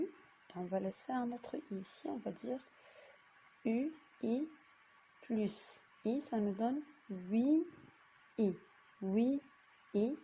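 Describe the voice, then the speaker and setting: Slow, patient woman teaching reading. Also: a little high, gravelly, mellow, a little hiss or hum. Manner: slow, patient, repeats each word. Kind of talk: reading lesson for young children.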